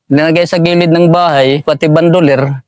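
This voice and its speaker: A man tells his wartime escape in a somewhat high voice, deferentially tucking "sir" into nearly every phrase. The sound is dry and close. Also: steady tone, moderate pace, a little mellow, dry recording. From Eastern Samar, Philippines. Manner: deferential, says "sir" constantly. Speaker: militiaman guest. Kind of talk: recounting a war story.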